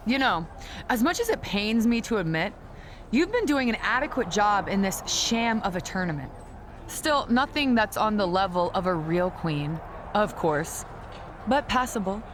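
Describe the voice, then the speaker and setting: In a video game cutscene, a woman plays a haughty, self-crowned female wrestling queen who is pompous, entitled, scornful, condescending, and quick to take offense. Her medium-pitched voice has a sing-song quality at a normal speed, and the acting is light. Background noise is audible.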